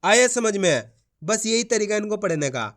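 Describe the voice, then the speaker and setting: A man's voice: high-pitched, animated, normal speed, fairly bright tone. A man teaching Hindi reading. He sounds out each syllable and then joins them into the whole word, and he calls his viewers friends as he coaxes them to try.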